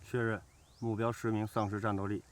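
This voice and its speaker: An actor playing a disciplined army scout in a TV drama, giving clipped, procedural reports. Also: male voice, lowish voice, level tone, fairly quick, close to an everyday voice. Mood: businesslike, focused. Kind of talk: military TV drama dialogue.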